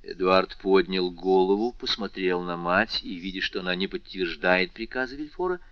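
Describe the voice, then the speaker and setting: Male audiobook narrator, low pitch, bright tense tone, dull dry recording. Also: normal speed, dry recording. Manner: expressive literary reading. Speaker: audiobook reader. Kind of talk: scripted narration.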